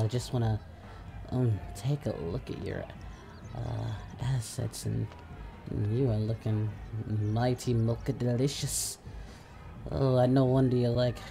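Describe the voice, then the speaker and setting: A gaming host delivers playful, casual game commentary in a cartoonish character voice, exclaiming and muttering as he goes. His voice is medium-pitched and mellow, with some vocal fry.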